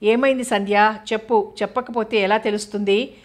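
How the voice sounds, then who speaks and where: A woman reading the part of a troubled young man in an audio novel, speaking earnestly and pleadingly in a flat, even tone. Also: mid-range voice, normal speed, close to an everyday voice. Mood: worried.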